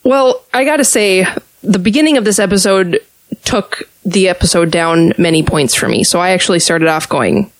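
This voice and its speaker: Laughing woman co-host, low dry voice. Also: normal speed, no echo. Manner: laughing, self-aware. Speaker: podcast co-host. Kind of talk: casual chat.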